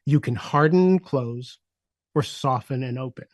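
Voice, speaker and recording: An older man in his sixties shares his personal story as a podcast guest. His voice sits at a middle pitch, and he talks reflectively with many "uh" pauses. The sound is dry and close, with no room echo. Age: 60s. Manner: reflective, many "uh" fillers, drops softer at emotional moments.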